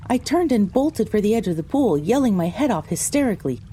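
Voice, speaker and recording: In a medium-pitched, sing-song, brisk voice that's mellow but slightly rough, a woman voices a scared young female pony. She tells the pony's misadventure dramatically in the first person as audio drama narration.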